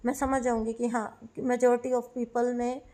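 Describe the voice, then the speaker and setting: Insistent high-voiced woman giving spiritual advice. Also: level tone, measured pace, dark tone. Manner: insistent, repetitive, mixes English phrases into talk. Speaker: spiritual channel host. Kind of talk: emphatic spiritual advice monologue.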